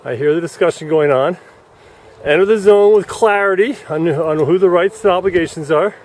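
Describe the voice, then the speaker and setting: A man's voice: high voice, normal speed, a little mellow. A man giving live, coaching commentary on a sailing race from a dock outdoors, explaining rules as boats pass. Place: outdoors at a yacht club dock. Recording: faint wind noise outdoors.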